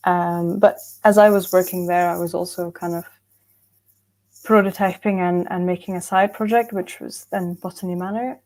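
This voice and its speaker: A woman from Belgium presents her game studio over a video call. Her voice sits a little low and sounds mellow and warm. She talks in a relaxed, unhurried way with plenty of ums. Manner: relaxed, hesitant with frequent fillers. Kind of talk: casual conference presentation.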